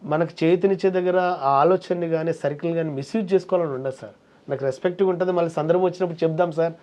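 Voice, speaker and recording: Fast-talking man telling showbiz stories. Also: fairly high pitch, mellow. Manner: tells stories acting out quoted voices. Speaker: interview guest, comedian and mimicry artist. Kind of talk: casual interview talk.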